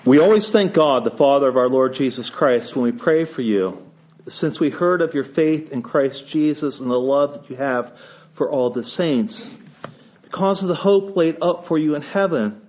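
Preacher with an Appalachian twang and a cold. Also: male voice, on the high side, lively intonation, moderate pace, darkish tone. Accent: Appalachian, Eastern Ohio. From Eastern Ohio, United States. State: has a cold. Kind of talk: sermon with scripture reading and prayer. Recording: dull, band-limited sound.

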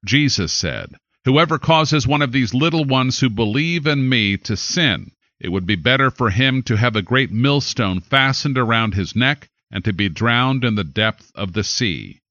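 A man's voice: mid-range voice, lively intonation, measured pace, hardly any pauses, pushed and bright, dry recording, muffled recording. An American man reading scripted news in an emphatic, dramatic announcer style. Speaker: news anchor.

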